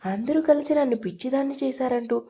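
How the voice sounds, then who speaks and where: A woman's voice: high-pitched, quick pace, natural voice. A woman reading a furious, heartbroken young heroine. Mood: bitter. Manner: sharp, tearful accusations.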